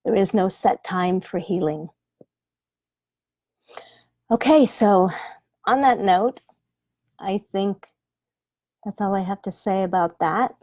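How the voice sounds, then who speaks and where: A woman in her forties, a medium on a live stream, speaking gently with many pauses and ums. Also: mid-range voice, dry recording, clean studio sound. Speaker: animal communicator and medium. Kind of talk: live-stream chat with viewers. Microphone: webcam or phone livestream.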